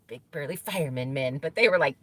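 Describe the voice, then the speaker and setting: A woman's voice: deep voice, expressive, fast talker, husky, no room sound. A middle-aged woman hosting a live stream from inside a truck, telling stories in a chatty way and laughing often. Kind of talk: casual live-stream chat.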